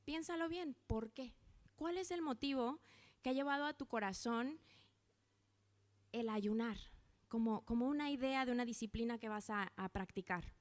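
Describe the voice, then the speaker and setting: A woman delivers a sermon, her voice sitting a bit high. She speaks in an animated, conversational way and acts out the little quoted voices. She sounds to be in her thirties. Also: moderate pace. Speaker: preacher.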